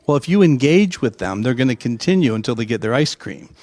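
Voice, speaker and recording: A middle-aged man explaining his ideas as a guest in a conversational interview, emphatic and animated, acting out bits of dialogue. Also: mid-range voice, fairly quick, no echo. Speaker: guest expert.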